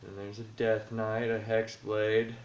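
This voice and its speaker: A man's voice: lowish voice, completely flat delivery, a little slow. A man vlogging casually about the tabletop campaign he runs as dungeon master, thinking aloud and rambling with lots of fillers, recorded in a room at home. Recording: roomy, dull lo-fi home recording.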